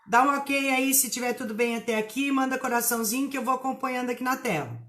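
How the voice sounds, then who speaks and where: A woman's voice: sits high, quick pace, a bit bright. Emphatic woman teaching grammar. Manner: emphatic, spells out words and asks rhetorical questions. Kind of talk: live online writing lesson.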